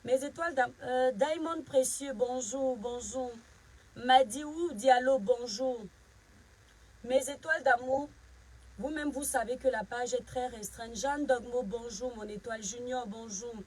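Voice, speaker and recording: A woman's voice: a little high, unhurried, darkish tone, low-quality recording. A woman from Cameroon hosting a casual live stream, greeting viewers by name and sharply scolding critics. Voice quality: husky.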